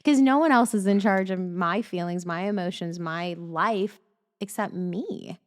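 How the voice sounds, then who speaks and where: A woman's voice: on the low side, a little slow. A woman guest on a podcast, talking openly and reflectively in casual chat, laughing often.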